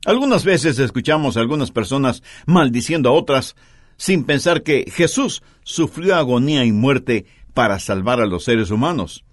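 A man's voice: mid-range voice, animated, normal speed, dry recording, studio quality. A man preaching an earnest sermon, telling stories and making points with strong emphasis.

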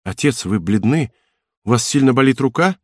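A man's voice: medium pitch, expressive, moderate pace, no echo, clean studio sound, close to an everyday voice. A man reading an audiobook, voicing Cosette, a playful young wife who pouts, teases and pleads in a capricious way. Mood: pleading. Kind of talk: audiobook character voice.

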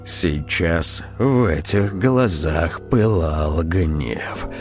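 A man reads a story aloud in a measured, even delivery. His voice is very deep and his pace slow. Faint music plays under the reading. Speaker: narrator. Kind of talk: audiobook narration.

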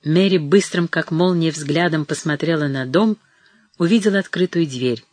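A reader narrating a dramatic novel in a measured, storytelling manner. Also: medium pitch, a little mellow, dry recording. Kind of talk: audiobook narration.

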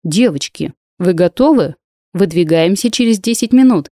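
A woman's voice: lowish voice, expressive, mellow, dry recording, clean studio sound. A woman voicing a teasing man around thirty. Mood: brisk. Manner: teasing, drawn-out slow delivery. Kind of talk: audiobook character voice.

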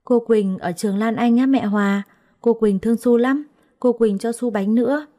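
A woman voicing a timid four-year-old girl who speaks softly, as in a storybook reading. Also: on the high side, moderate pace, close to an everyday voice. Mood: earnest. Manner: soft, lisping child talk.

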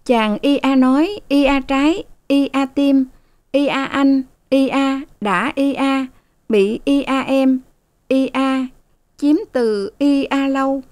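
A woman's voice: high-pitched, slow pace, a little mellow, dry recording, voice pushed up. A woman voicing a young servant girl reading a romance novel aloud in a sing-song way, in a storybook reading.

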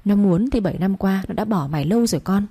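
Woman reader doing an old peasant mother, quick scolding delivery, husky, warm. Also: mid-range voice, expressive.

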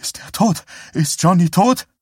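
A man voicing a frantic middle-aged mother who wails and prays in a high, shrill voice. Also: expressive, measured pace, breathy edge, no room sound, clean studio sound, full character voice.

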